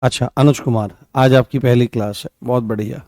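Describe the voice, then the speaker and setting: A man's voice: mid-range voice, fairly even intonation, brisk, mellow, no room sound, studio quality. A man teaching an online grammar class, repeating key words and asking and answering his own questions.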